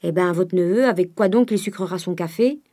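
A woman's voice: lowish voice, fairly quick, dark tone, natural voice. A woman voicing a blunt, stubborn female servant cook in an audiobook, speaking in an outspoken, insistent way.

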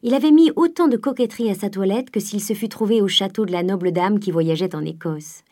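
A woman narrating a classic novel as a scripted audiobook, measured and at times dropping to a soft near-whisper. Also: medium pitch.

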